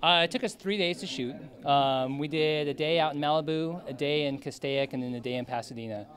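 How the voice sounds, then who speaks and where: A man's voice: a little high, brisk, fairly bright tone. Chatty man at a festival press wall. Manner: chatty, joking, many fillers. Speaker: music video co-director. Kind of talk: red carpet interview. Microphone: handheld interviewer mic.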